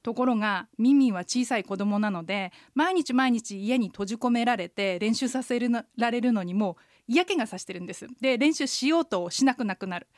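Slow, careful woman radio tutor. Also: a little high, no room sound, studio quality. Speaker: radio language lesson host. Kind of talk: radio language lesson.

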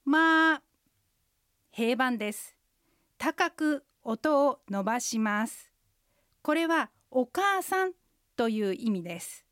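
High-voiced woman teaching pronunciation. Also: expressive, no echo, studio quality. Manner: slow, careful explanations of pronunciation. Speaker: Chinese language instructor and co-host. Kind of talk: radio language lesson. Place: radio studio.

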